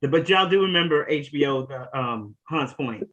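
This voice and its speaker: A man's voice: medium pitch, moderate pace, lo-fi sound. A man co-hosting a podcast in a casual chat, asking his guest questions. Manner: asks questions, lively. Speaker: podcast co-host.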